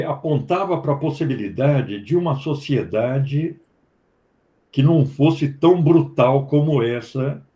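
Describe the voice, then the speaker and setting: A man with a Brazilian Portuguese accent leads an academic study-group discussion. His voice sits in a middle pitch with a warm, mellow tone. He explains at length, often checking in with tag questions. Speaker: professor leading a study group.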